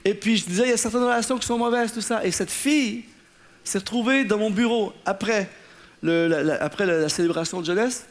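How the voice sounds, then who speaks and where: Man, pastor, very high voice, sermon, lively storytelling. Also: a little fast. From Canada. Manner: animated storytelling, acting out the people in his stories. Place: church in front of an audience, laughter heard.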